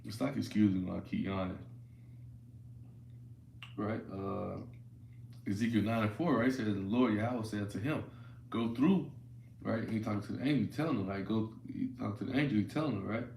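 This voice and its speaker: A low-voiced man with a gravelly edge gives an informal scripture lesson, tagging nearly every point with "right?" and circling back over half-finished phrases. He reads the verses out slowly. The room is echoey, with faint ambient noise behind him. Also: darkish tone. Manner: repeats "right?" often, restarts phrases. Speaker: religious teacher.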